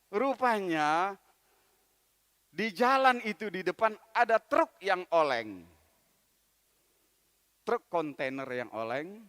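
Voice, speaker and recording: A man preaching a sermon as a pastor in a church, telling a story with big swings in loudness. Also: sits high, no echo.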